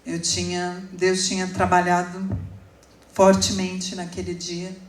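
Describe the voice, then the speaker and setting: Low-voiced woman preaching in echoey church. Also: completely flat delivery. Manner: slow, emotional storytelling with sudden emphatic rises. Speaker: preacher giving testimony. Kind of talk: sermon testimony. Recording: echoey room, speaker far from mic.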